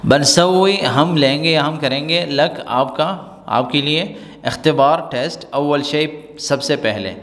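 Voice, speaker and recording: A man teaching colloquial Arabic phrases, explaining in Urdu and repeating each phrase slowly for learners to copy. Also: a little high, fairly bright tone, in a large hall.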